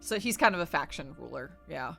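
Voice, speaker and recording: A woman's voice: sits low, animated, brisk, vocal fry, a bit bright, faint music behind. A woman streaming a video game and giving casual commentary as she plays.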